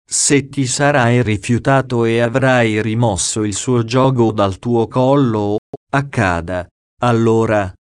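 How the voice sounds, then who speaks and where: A man reading scripture aloud in a slow, solemn, measured way. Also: mid-range voice, smooth, dry recording, studio quality. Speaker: audiobook reader.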